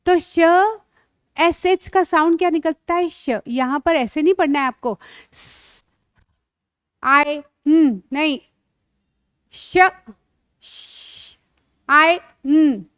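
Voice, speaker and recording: A woman's voice: sits high, slow pace, no room sound, clean studio sound. A woman with an Indian accent teaching phonics to young children, sounding out words letter by letter and calling the listeners "beta".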